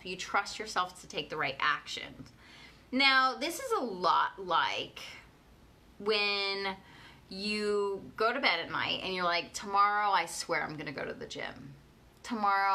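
A woman in her thirties with a bright, forceful voice at a middling pitch leads a motivational coaching session online. She speaks earnestly and with emphasis, often repeating short phrases to drive them home. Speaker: coach leading an online challenge. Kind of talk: motivational coaching talk to a live online audience. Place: living room at home, indoors.

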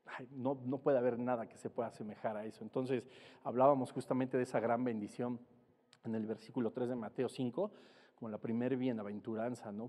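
A man preaching a sermon, explaining Bible words slowly and rising in pitch and volume to stress his points. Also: mellow. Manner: explains Greek words slowly, spelling them out. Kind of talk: sermon teaching. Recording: long reverb hall.

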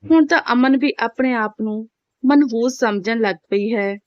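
A woman with a fairly high voice narrates a story in a steady, plain way. The recording is dry and a little muffled, with no room echo. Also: unhurried. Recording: dull, dry home recording.

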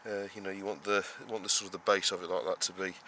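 Deep, level, quick, and bright with a forceful edge, this man's voice leads a casual tour of his vegetable allotment for the camera. The gardener and show host goes through his planting stepwise in a meandering way, with many fillers and restarts. Rural outdoor ambience comes through the noisy camera audio.

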